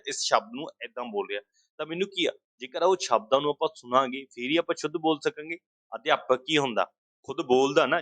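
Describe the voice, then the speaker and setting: A man's voice: medium pitch, fairly bright tone, no echo. Man teaching, dry close sound. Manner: explains with repeated everyday examples, often asking and answering his own questions. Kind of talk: exam-prep language lesson.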